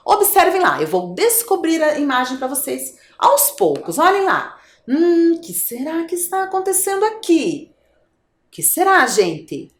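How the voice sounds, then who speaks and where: A Brazilian woman teaching a video lesson to small children, her voice lively and swooping as she coaxes them with questions. Her pitch sits somewhat high, and the recording has an echoey, roomy sound. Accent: Brazilian Portuguese. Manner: animated, coaxing, asks children questions. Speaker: primary school teacher.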